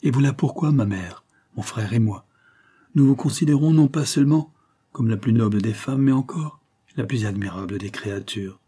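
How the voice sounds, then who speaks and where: An earnest, gallant young nobleman speaking with fervent courtesy, as a male reader gives him voice. The tone is dark and husky, with a storybook warmth. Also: medium pitch, normal speed, lightly acted. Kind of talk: audiobook character voice.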